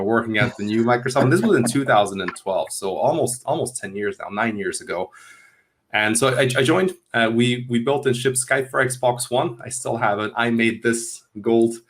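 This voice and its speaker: Fairly low in pitch but bright in tone, this man in his thirties, originally from Hungary, chats about his career in a relaxed video-call interview. His talk wanders, often repeating opening words and starting sentences over, and he uses earphones from a small room at home.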